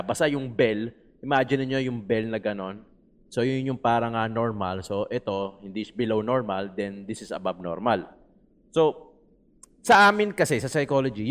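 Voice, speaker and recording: A Filipino man talks through his views in a loose, rambling way, switching back and forth between Tagalog and English. His voice sits at an ordinary middle pitch, and he keeps checking in with his listeners. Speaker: political vlogger. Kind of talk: casual commentary.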